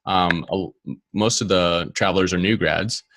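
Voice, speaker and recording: A man's voice: low-pitched, moderate pace, a little hiss or hum. A man hosting a podcast who interviews his guest in a casual, friendly way and laughs easily. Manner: friendly, relaxed, laughs often. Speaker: podcast host.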